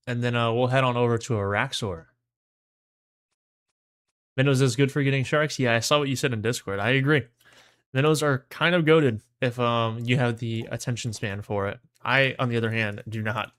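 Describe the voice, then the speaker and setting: Casting: male game streamer, medium pitch, dry sound, relaxed slangy chat, speaking with a dentist-numbed mouth. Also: normal speed, dry recording. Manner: talking with a mouth numb from the dentist; laid-back, slangy. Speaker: livestream host. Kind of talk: casual gaming livestream chat.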